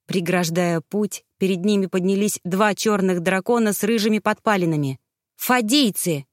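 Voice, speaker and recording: A female audiobook narrator reads a fantasy novel as scripted narration in an even storytelling manner. Her mid-range voice moves at a moderate pace, with clean studio sound and no room noise.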